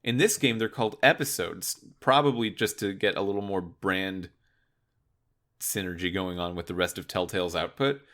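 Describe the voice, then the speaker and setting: A man talks as a podcast co-host. He explains at length in a casual, halting way, looping back as he goes. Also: low voice, a bit bright. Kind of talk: casual game discussion.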